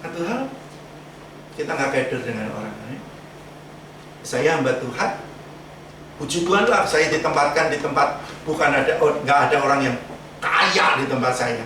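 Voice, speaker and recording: With a slightly high, sharp-toned voice, lively intonation, moderate pace, and long pauses, a pastor gives a casual, chatty sermon full of slang asides and acted-out quoted voices. The church sanctuary sounds echoey, miked from afar, with slight background noise.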